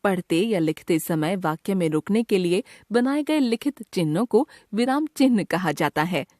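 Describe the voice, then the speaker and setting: A woman reading a scripted grammar lesson for children in a clear, measured way. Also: mid-range voice, lively intonation, darkish tone, no echo, studio quality. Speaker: grammar teacher.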